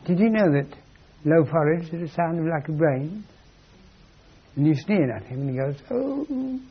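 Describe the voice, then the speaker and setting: Man lecturing, husky voice, slightly high pitch, wry and emphatic, dull lo-fi recording. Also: normal speed. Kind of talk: philosophical lecture.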